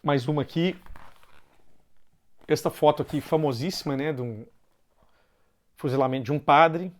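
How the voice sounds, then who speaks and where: Man, Brazilian Portuguese accent, fairly high voice, conversational explaining, pauses and restarts. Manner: conversational, often ends phrases with a questioning "né"; loosely paced with pauses and restarts. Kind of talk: informal explanatory talk.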